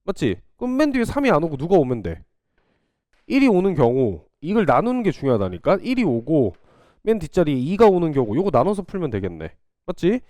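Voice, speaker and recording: A man's voice: fairly high pitch, huge pitch swings, brisk, warm tone, no echo, clean studio sound. A man teaching a math class in a small classroom, chatting and teasing his students playfully between problems. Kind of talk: casual classroom lecture.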